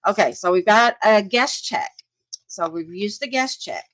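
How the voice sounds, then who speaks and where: A woman's voice: mid-range voice, animated, unhurried, fairly bright tone, no room sound, poor audio. A woman, chatting casually as she works on a craft project, thinking aloud, often laughing, and answering viewers' comments. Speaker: crafting livestream host.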